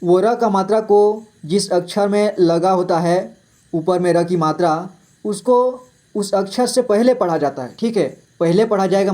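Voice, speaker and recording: A man's voice: high voice, dark tone. A male teacher giving a reading lesson, saying each word twice and patiently explaining the vowel signs. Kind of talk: Hindi reading lesson for children.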